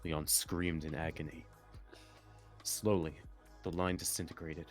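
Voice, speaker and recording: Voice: rumbling low, little pitch movement, unhurried, faint music behind. Someone reading fan fiction aloud in a melodramatic way, with joking asides. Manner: melodramatic narration, breaking into laughter and asides. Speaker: reader of a story, with commentary.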